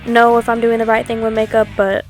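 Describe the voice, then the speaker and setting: A woman's voice: on the high side, completely flat delivery, fairly quick. Chatty young woman doing a voiceover. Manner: chatty, upbeat, rambling with fillers. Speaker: vlogger. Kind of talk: casual voiceover narration. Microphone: new microphone on a tripod stand. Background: soft background music.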